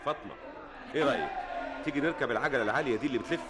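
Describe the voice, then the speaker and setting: An actor with an Egyptian accent playing Mukhtar, a lively young man who stammers when rattled, in a radio drama. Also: mid-range voice, racing, a crowd in the background, natural voice. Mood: lively, nervous.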